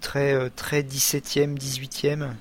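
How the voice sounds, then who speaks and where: A man talking through a horror video game as he plays, pausing often and restarting his sentences. His voice sits at an ordinary middle pitch. A faint noise runs under the recording. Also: monotone. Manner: hesitant, halting, many fillers and restarts. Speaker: gamer. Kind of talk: let's play commentary.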